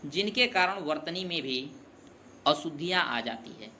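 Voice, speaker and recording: A man teaching a Hindi grammar lesson, dictating words slowly and deliberately one at a time. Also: on the high side, lively intonation, bright, forceful tone, slight background noise.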